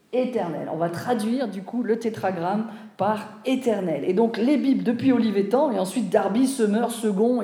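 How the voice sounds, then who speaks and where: A woman teaching about Bible translation to a live audience, talking conversationally and often turning to her listeners with questions and quick checks. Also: fairly high pitch, warm tone. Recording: roomy echo.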